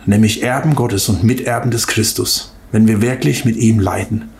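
A man's voice: lowish voice, steady tone, normal speed, gravelly, a little mellow, a little hiss or hum. Fervent older man preaching in echoey room. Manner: emphatic, fervent, addresses listener directly, repeats words. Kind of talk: sermon with prayer.

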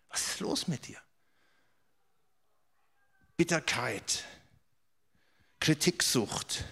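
A man preaching a sermon, earnest and direct, repeating words for emphasis and dropping to a soft voice for quoted questions. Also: a little high, slightly rough.

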